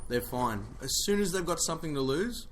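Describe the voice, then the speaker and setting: A man's voice: fairly high pitch, expressive, fairly quick, slight background noise. An Australian man co-hosting a casual chat, rambling and opinionated, arguing his point in restarts. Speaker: podcast co-host.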